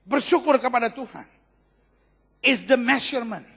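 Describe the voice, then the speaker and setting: A man's voice: extremely high pitch, moderate pace, vocal fry, pushed and bright, breathy edge. A man preaching a sermon as pastor, with rising emphasis and calls for the congregation to answer, acting out people's prayers and complaints, and mixing English phrases into his talk. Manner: acts out prayers and complaints in a mocking tone.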